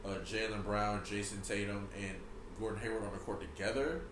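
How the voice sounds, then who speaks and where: A man co-hosting a podcast, talking sports in an animated, teasing way and quick to laugh. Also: on the low side. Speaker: podcast co-host. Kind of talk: casual sports chat. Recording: echoey room, faint background hiss.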